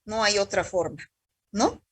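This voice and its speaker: A woman's voice: medium pitch, unhurried, husky, no room sound. A woman teaching a university microbiology class over a video call, quizzing students by roll call in a stern, scolding way.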